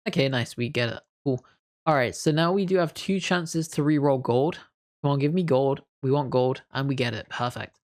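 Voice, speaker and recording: Male gaming commentator: casual, thinks aloud, low-key reactions. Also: darkish tone. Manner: chatty, thinks aloud while playing; mild, understated reactions. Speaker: gaming video creator.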